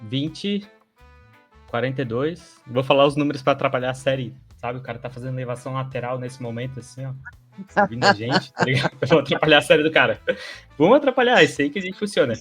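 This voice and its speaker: A man hosting a podcast in a casual chat, loud and joking, with a Brazilian Portuguese accent. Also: medium pitch, racing, breathy edge, faint music behind. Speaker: podcast host.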